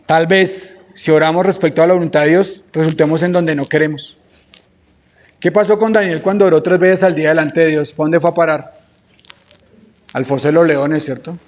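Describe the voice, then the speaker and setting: A man's voice: a little high, fairly even intonation, normal speed, a little mellow. A man with a Colombian Spanish accent preaching a sermon, exhorting his congregation with rhetorical questions and acting out prayers in quoted voices.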